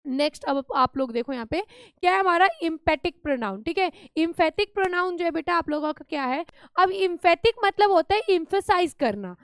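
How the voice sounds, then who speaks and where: A woman's voice: very high voice, expressive, no echo, studio quality. A young woman with an Indian accent teaching a school grammar lesson, mixing Hindi and English and asking and answering her own questions. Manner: speaks English example sentences slowly.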